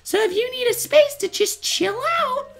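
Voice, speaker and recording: A woman voicing a friendly, laid-back male sunflower bard for a game, in a bright, cheery, slangy manner. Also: very high-pitched, normal speed. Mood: chill, encouraging. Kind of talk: playful game dialogue read-aloud.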